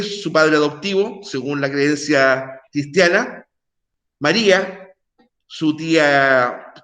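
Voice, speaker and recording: A man's voice: a little high, fairly bright tone. A middle-aged male teacher giving a conversational online class lecture, full of tag questions and restarts. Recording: echoey room.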